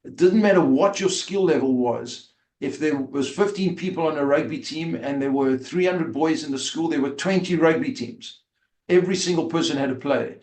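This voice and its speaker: A man's voice: a little high, moderate pace, darkish tone. South African man in a roomy echo. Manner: earnest, with frequent fillers and restarts. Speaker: rabbi, interview guest. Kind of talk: conversational storytelling.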